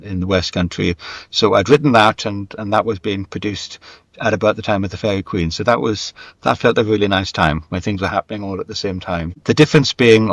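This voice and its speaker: A middle-aged man with a lowish voice, recorded with no room sound, reflects thoughtfully on his career as an interview guest. He's a screenwriter and radio dramatist who speaks emphatically, repeating phrases for stress as he shares anecdotes.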